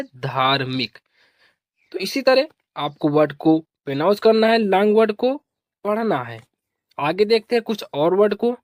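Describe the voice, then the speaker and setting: Slow, patient woman teaching spelling. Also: mid-range voice, no echo, clean studio sound. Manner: spells out letters slowly, asks and repeats answers. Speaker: English teacher. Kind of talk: spelling and pronunciation lesson.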